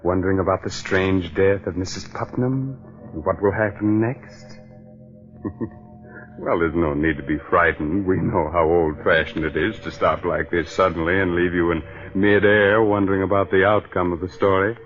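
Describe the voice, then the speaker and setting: A man playing a sly, teasing mystery host on 1940s radio, speaking in a deliberate, mock-soothing way. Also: sits low, close to an everyday voice. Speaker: mystery show host and sponsor announcer. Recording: muffled 1940s radio broadcast, music behind.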